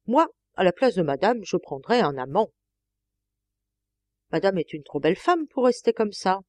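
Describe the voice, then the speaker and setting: A woman's voice: mid-range voice, very animated, normal speed, a little mellow, dry recording. A woman reading an audiobook, voicing a bold young chambermaid who talks brazenly and coaxingly. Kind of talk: audiobook character voice.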